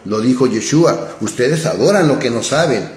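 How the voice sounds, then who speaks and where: Male Bible teacher, halting and repetitive, echoey room. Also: medium pitch, animated, a little mellow. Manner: halting, repeats words, rising "¿sí?" checks. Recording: echoey room, faint noise.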